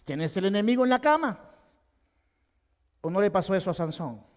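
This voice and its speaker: Impassioned high-voiced male pastor preaching. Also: big pitch swings, a little fast. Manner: impassioned preaching that swings between loud emphasis and hushed tones. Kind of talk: sermon. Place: church sanctuary. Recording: long hall reverb.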